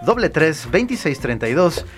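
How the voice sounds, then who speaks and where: A man's voice: fairly high pitch, a little fast, soft background music. Upbeat Mexican radio co-host, man. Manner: animated, jokey, reads listener messages. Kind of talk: casual radio chat.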